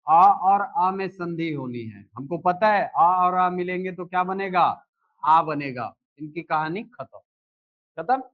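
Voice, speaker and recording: With a high voice, a man teaches a live class, moving slowly through each step and answering the questions he poses. The audio sounds dull.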